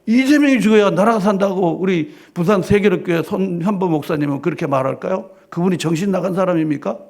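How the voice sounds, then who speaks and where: Male pastor in church: husky, slightly high, preaches with loud declarations and hushed asides. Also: quick pace. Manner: emphatic preaching with rhetorical questions. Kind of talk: sermon.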